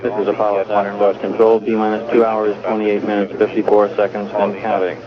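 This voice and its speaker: A man giving steady live countdown commentary from launch control, heard as a crackly radio transmission. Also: fairly low pitch, crowd noise. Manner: steady, measured announcer delivery. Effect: crackly radio transmission sound. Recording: noisy lo-fi archival radio broadcast.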